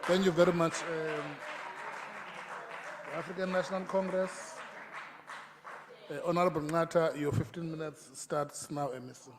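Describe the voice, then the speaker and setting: A man's voice: fairly high pitch, steady tone, normal speed, pauses often, crowd noise. A man presiding over a legislature, making firm, brief procedural calls. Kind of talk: chairing a house sitting. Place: legislative chamber. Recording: chamber with murmuring members and noise.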